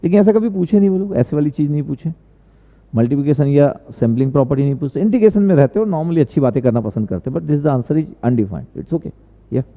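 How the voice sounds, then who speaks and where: A man's voice: fairly high pitch, expressive, fairly quick. A male tutor teaching casually in a live stream, chatty and answering viewers' questions, often repeating himself. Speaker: online tutor. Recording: tinny, echoey lo-fi stream audio.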